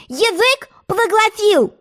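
A woman voicing a nosy, quick-tempered male messenger in a storybook. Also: sits high, voice pushed up. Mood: pushy. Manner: pushy, prying, quick-tempered. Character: bossy chatty male royal messenger. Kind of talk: storybook narration.

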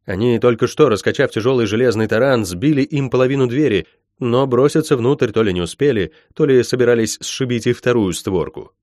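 A man reading an audiobook aloud in expressive, dramatic scripted narration. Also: mid-range voice, fairly quick, no echo, studio quality. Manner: dramatic, varied delivery. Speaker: audiobook reader.

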